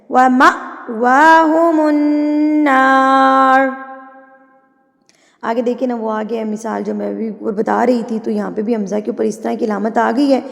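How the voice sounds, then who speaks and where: A woman teaching Quran recitation, chanting words slowly and then explaining patiently with repeated corrections. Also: a little high, gravelly, darkish tone, big-room sound. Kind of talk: online tajweed lesson, explaining between recited words.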